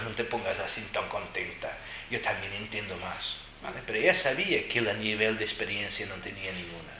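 Animated male Buddhist teacher, bright voice. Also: lowish voice, slight background noise. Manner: animated storyteller who keeps checking in with listeners. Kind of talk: dharma talk. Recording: roomy echo.

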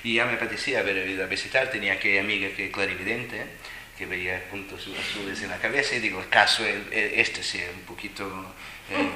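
Animated man telling stories. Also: fairly low pitch, a little fast. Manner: animated, laughing, playful voices when quoting. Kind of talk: storytelling to a live audience. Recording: echoey room, faint noise.

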